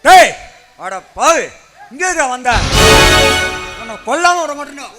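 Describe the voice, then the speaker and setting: A man plays a hot-tempered elder brother in a family melodrama who shouts and hurls insults. His voice sits very high. Music is clearly heard behind him. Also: lively intonation, measured pace. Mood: furious. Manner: angry, abusive, shouting.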